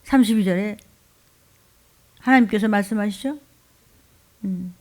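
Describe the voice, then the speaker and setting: A woman's voice: mid-range voice, unhurried. A woman pastor preaching a sermon, scolding and pleading, often dropping into a whisper.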